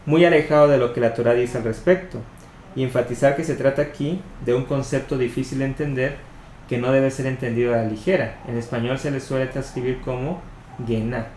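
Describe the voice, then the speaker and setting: Man, measured explanatory reading, slow over foreign terms, faint hiss, reverberant room. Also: medium pitch, mellow. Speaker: Torah study reader. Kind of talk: reading a commentary aloud. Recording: echoey room with faint noise.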